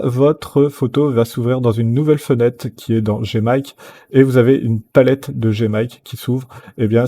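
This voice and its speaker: A man hosting a screen-recorded software tutorial, talking in a relaxed way with many fillers. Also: medium pitch, vocal fry.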